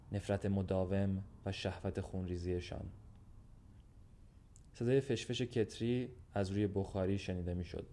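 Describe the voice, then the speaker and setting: Male audiobook narrator for a literary story; measured, even, low-voiced and mellow. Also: a little hiss or hum.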